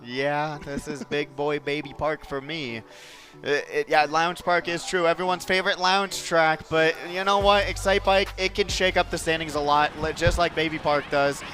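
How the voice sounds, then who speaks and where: A man giving excited play-by-play esports commentary, with quick, energetic calls and frequent exclamations. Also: fairly high pitch, soft background music.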